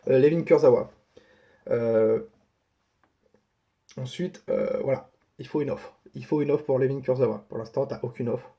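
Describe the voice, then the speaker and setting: This man, who hosts a football transfer news channel, has a cold as he delivers a colloquial, casual news update and keeps repeating points to stress them. His voice is mid-range and mellow, captured in dull, lo-fi sound.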